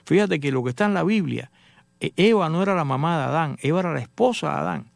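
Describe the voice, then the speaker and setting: A man's voice: fairly high pitch, lively intonation, fast, vocal fry, no room sound. A middle-aged man, a motoring journalist hosting a radio show and telling joking anecdotes to his listeners. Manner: joking, chatty storyteller addressing listeners. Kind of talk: casual radio talk with anecdotes.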